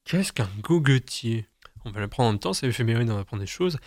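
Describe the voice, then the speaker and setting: A young man reads out the day's almanac in a loose, chatty way, joking at his own slips. His voice sits at an ordinary middle pitch. The recording is dry and close, with no room sound. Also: animated, fairly quick, no echo. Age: young adult. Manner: chatty, self-mocking, stumbles over words. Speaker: host. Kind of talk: casual reading of daily almanac.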